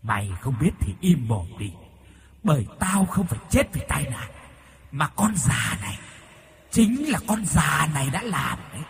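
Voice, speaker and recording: A man's voice: fairly high pitch, sing-song, a little slow, gravelly, long reverb tail, a little hiss or hum, exaggerated voice. A man voicing the vengeful spirit of an unborn child possessing an old woman, snarling and cackling. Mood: furious.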